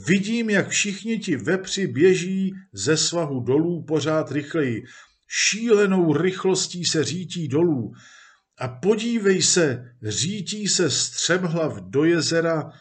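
A man voicing a troubled man freed of demons, telling eagerly and excitedly what he sees. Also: a little high, voice pushed up.

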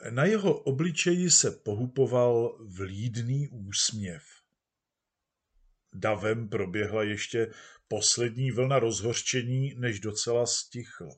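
A male narrator reads a satirical short story aloud. His delivery is measured and dry, with a mid-range pitch. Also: slightly rough.

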